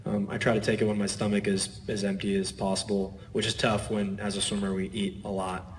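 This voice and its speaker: A man speaking on an athlete panel, relaxed and dotted with fillers. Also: fairly low pitch, fairly quick, slight background noise. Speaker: panelist, swimmer. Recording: distant mic in an event space.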